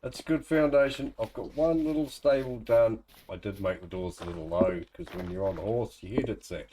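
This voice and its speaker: A man's voice: on the low side, a little fast, dark tone, slight background noise, low-quality recording. A man with a New Zealand accent giving casual, laid-back gameplay commentary, thinking aloud in colloquial speech. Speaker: gamer narrating own let's play.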